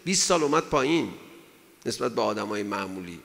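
A man's voice: lowish voice, lively intonation, gravelly, a bit bright. A man giving a sermon in an emphatic way, asking his listeners rhetorical questions. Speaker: religious lecturer. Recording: long hall reverb.

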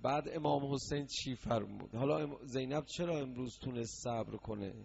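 A man preaching a mourning sermon that moves from quiet explanation into loud, sung lament. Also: mid-range voice, vocal fry, a little hiss or hum. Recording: dull lo-fi recording.

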